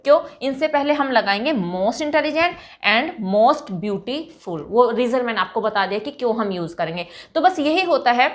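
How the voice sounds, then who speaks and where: A woman, an English teacher patiently explaining grammar to her students and slowly sounding out example words. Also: fairly high pitch, lively intonation. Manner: patient, drawn-out model pronunciations.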